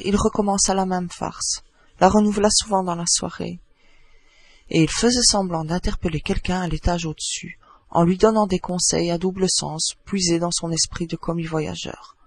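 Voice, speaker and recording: A man narrating a literary audiobook in a measured, expressive storytelling manner. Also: high voice, creaky, husky, dry recording.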